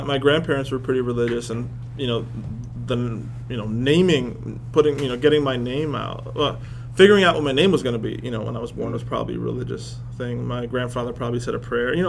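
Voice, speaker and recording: A professor from the Boston area of the United States is interviewed casually in a classroom full of students. His medium-pitched, creaky voice jokes and pokes fun at himself, halting and restarting often, with a little hiss or hum on the recording.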